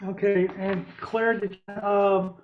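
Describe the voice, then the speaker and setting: A man's voice: high-pitched, flat delivery, takes it slowly, narrow, tinny audio. A man chairing a meeting over a conference call that breaks up, plain-spoken with dry asides. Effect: conference call audio, breaking up. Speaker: board chair.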